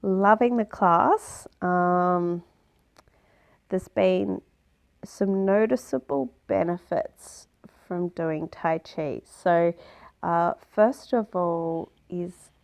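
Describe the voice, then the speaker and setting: A woman's voice: fairly low pitch, very slow, darkish tone. A woman recording a casual video diary, sounding nasal from a cold and talking in a chatty way with many ums. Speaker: vlogger.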